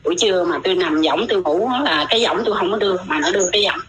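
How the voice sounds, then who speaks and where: A woman's voice: fairly low pitch, rapid-fire, a crowd in the background, low-quality recording. A middle-aged woman, telling her own story in casual, rambling talk and often repeating her words.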